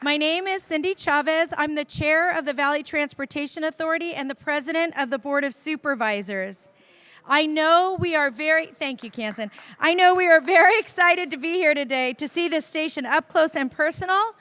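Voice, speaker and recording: A woman's voice: high voice, normal speed, sharp tone, dry recording. A woman emceeing an outdoor ribbon-cutting ceremony, upbeat and teasing as she coaxes the crowd into their seats. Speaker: emcee and transit board chair. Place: outdoor transit station ceremony.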